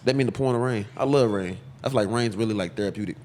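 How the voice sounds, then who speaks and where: A man's voice: on the low side, a little mellow, slight background noise. A young man, chatting casually and loosely about his barbering work. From Texas. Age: 20s. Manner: slangy, loose, talks in quick bursts with repeats. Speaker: podcast guest, barber. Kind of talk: casual chat.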